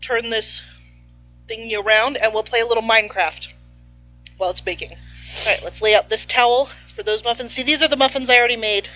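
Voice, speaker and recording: A woman's voice: a little high, fairly even intonation, fairly quick, pushed and bright, no echo. A woman hosting a casual cooking stream in a home kitchen, chatty and playful, sometimes talking with her mouth full. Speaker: baking show host. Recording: slightly muffled, faint music behind.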